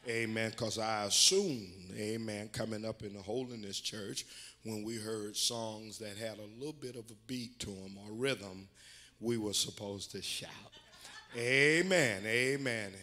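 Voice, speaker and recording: A man's voice: on the low side, steady tone, unhurried, sharp tone. An older man preaching a sermon as bishop in a church, folksy and full of amens, building to emphatic exhortation. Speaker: bishop and pastor. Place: church sanctuary.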